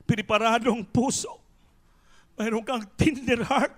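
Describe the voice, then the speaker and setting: A Filipino man preaching with a very high, tight voice. He explains calmly for a while, then builds to fervent shouts as he urges his listeners on. His English phrases come through with a Filipino accent. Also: unhurried. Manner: impassioned, swings from soft explaining to shouted exhortation; mixes Tagalog and English. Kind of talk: sermon.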